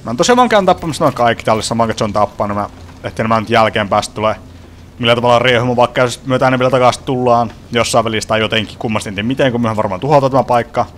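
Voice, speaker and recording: A man's voice: medium pitch, fairly bright tone, slight background noise. Swearing young man commenting on gameplay. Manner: swearing, frustrated, chatty. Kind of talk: casual let's play commentary.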